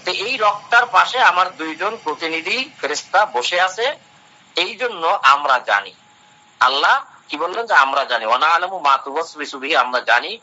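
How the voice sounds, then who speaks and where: A man's voice: a little high, animated, a little fast, bright, forceful tone. A man giving a religious talk, translating Arabic phrase by phrase and asking and answering his own questions. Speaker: Islamic lecturer. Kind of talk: religious talk explaining Quran verses. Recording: dull lo-fi sound.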